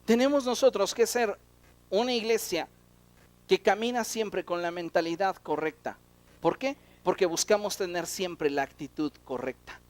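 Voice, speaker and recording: A man preaching a sermon as pastor, animated and full of rhetorical questions. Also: sits high, normal speed.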